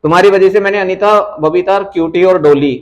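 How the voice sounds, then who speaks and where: Teaching a live chemistry class, a man with a high voice talks fast, teasing his students, calling them "beta," and slipping between languages with English phrases mixed in. The audio sounds dull.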